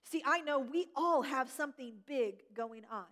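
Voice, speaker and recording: A middle-aged woman pastor delivers a gentle, reflective sermon in a high, light voice. She slows down to lean on key words. Her voice carries a long reverb tail, as in a large church hall.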